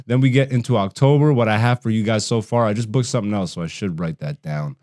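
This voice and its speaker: A man's voice: lowish voice, quick pace, a little mellow. A young man hosting a podcast, a comedian chatting loosely and laughing often. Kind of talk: casual podcast chat.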